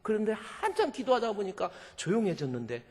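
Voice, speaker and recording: A man preaching a sermon as pastor, retelling a story in a lively way. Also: high-pitched, brisk. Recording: long church hall reverb.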